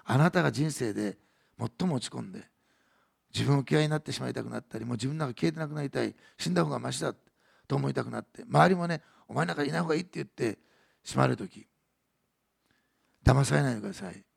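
A man preaching a sermon as pastor, earnest, moving between soft hushed passages and raised emphatic lines. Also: medium pitch, fast, creaky, husky.

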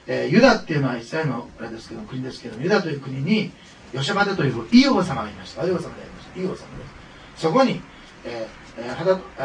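A pastor preaches to his congregation in a conversational way, full of fillers and asides. His voice is on the high side, with slight background noise, and the mic picks him up from far off in an echoey church hall.

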